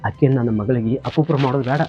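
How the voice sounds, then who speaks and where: A man's voice: mid-range voice, quick pace, warm tone, lo-fi sound, soft background music, close to an everyday voice. An actor playing a troubled remarried village father, pleading in North Karnataka Kannada, in a short film drama.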